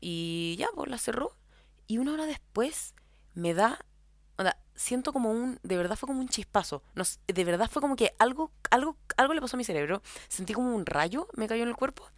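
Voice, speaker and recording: A woman's voice: a little high, animated, a little fast, no room sound. Rambling young Chilean woman, dry sound. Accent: Chilean Spanish. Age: young adult. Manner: rambling, heavy on filler words. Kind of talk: casual storytime monologue.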